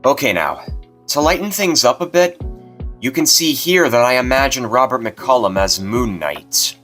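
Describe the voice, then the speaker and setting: A man's voice: medium pitch, animated, moderate pace, a bit bright. A man hosting a video, giving casual scripted commentary. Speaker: video host. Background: music.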